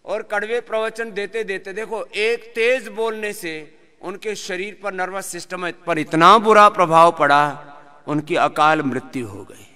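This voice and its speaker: A man leading a live yoga class, giving instructions and lively talks on health while joking with the group. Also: sits high, unhurried. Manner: lively, sings verses, jokes with class. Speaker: yoga teacher.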